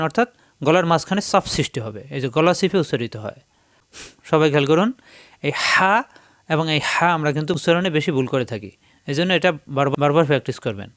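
A man teaching Quran letter pronunciation, drilling sounds slowly and repeating them, and asking listeners to say them along with him. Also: fairly high pitch, a bit bright, dry recording. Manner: slow, repetitive drilling of sounds, asks viewers to repeat. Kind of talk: step-by-step recitation lesson.

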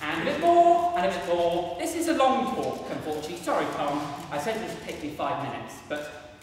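A young variety-show maths performer, voice sitting high and fairly quick, gives an upbeat, self-deprecating hands-on demonstration while talking with the audience in a large hall. His handheld mic is sometimes put down, and the voice is captured from afar in the echoey space with slight background noise.

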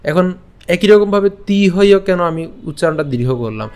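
A young man patiently teaching pronunciation, reciting verses slowly syllable by syllable and asking and answering his own questions. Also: high-pitched, lively intonation, darkish tone, smooth. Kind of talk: pronunciation lesson with slow recitation.

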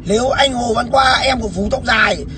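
A man's voice: very high-pitched, brisk, over music. A man livestreaming a heated phone call, mocking and swearing at the caller in a sarcastic, taunting way.

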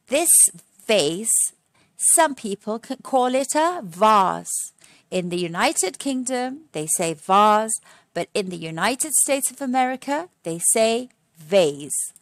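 A woman with a slightly high voice reads a picture book aloud as a phonics lesson for young children, in a teacherly way that sets out words one by one and asks her listeners questions. The recording has clean studio quality with no room sound.

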